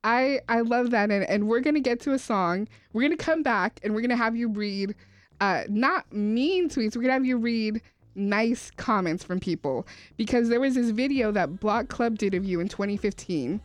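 Higher-voiced woman hosting a casual radio chat. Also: moderate pace, dry recording. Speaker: radio host. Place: radio studio.

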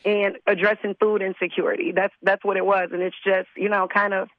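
A hoarse woman who is under the weather, speaking as a community organizer in an earnest, repetitive casual interview manner. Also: mid-range voice, level tone, brisk, no echo, phone-quality sound. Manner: earnest, repeats words as she talks.

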